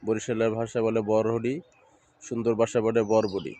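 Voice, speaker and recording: A man's voice: on the low side, little pitch movement, brisk, warm tone, a little hiss or hum. A man from Barisal with a Barisal Bengali accent, casually narrating a walk through village fields and explaining local words to viewers. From Barisal, Bangladesh. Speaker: village video host. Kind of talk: casual walking tour narration. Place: outdoors among village fields in the morning.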